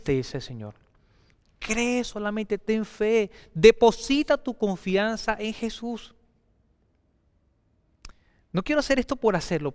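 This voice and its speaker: A man with a high, smooth, resonant voice preaching an emphatic sermon, repeating his key phrases and swinging from loud declarations to hushed, slow lines. His voice carries a long hall reverb. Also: studio quality.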